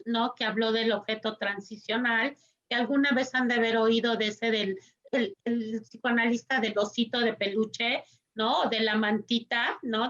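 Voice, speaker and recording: Woman panelist, unhurried and a touch high, muffled video-call sound. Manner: slow, thoughtful, tag questions, animated quoting. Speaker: panelist, psychologist. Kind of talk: panel discussion talk.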